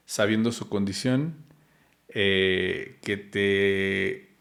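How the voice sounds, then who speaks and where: Man, podcast interviewer, lowish voice, halting curious questions. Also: steady tone, vocal fry, fairly bright tone. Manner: hesitant, many fillers and restarts, curious. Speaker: podcast host.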